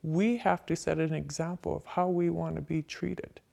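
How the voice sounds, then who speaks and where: An older woman giving slow, reflective personal testimony as an interviewee, her voice disguised by pitching it down so it sounds like a man. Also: fairly even intonation, creaky, mellow.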